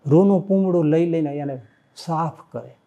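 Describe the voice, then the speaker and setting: A man, a swami, giving a devotional sermon that he tells as a story, with animated and emotional exclamations. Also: a little high, normal speed, muffled recording. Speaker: swami preaching.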